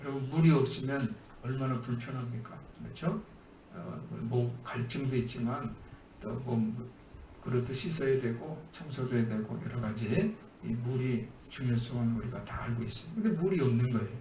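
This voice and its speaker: Pastor preaching in an echoey church. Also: male voice, mid-range voice, moderate pace, mellow, recorded from a distance, a little hiss or hum. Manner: teaching with questions to the congregation. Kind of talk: sermon. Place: church sanctuary.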